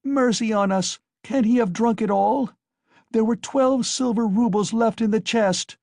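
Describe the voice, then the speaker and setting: A man's voice: high-pitched, unhurried, gravelly, darkish tone, dry recording, clean studio sound, pitched above the performer's own voice. Man putting on a shrieking frantic mother. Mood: frantic screaming. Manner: screaming accusations in a frenzy. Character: frantic, desperate poor mother, shrieking woman.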